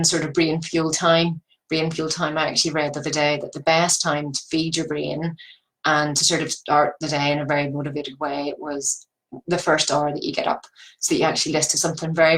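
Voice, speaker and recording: A woman's voice: deep voice, a bit bright, poor audio. A woman with a Northern Irish accent giving informal business advice in an earnest, encouraging, rambling way, repeating phrases for emphasis. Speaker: business coach. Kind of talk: informal advice monologue to online viewers.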